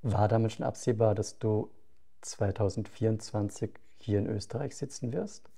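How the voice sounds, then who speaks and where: A middle-aged man hosting a podcast interview, speaking in a relaxed, low-key way as he introduces his guest. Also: moderate pace, vocal fry, slightly rough. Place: temple hall with a Buddha shrine.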